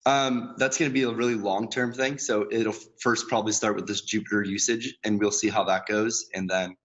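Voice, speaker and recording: A man's voice: lowish voice, steady tone, a little fast, fairly bright tone. A man giving a hesitant meeting update over a video call whose audio glitches and breaks up. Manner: hesitant, with frequent ums. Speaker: team member giving a status update. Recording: dull lo-fi video call line.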